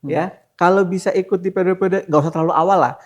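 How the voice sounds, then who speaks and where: A man's voice: sits high, steady tone, fast, highs cut off. A middle-aged man talking casually as a podcast guest, explaining things with lists and rhetorical questions. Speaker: stock market guest.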